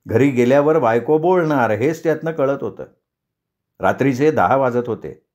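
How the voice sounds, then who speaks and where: A man reading a short story aloud as a storyteller, with expressive narration. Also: mid-range voice, moderate pace.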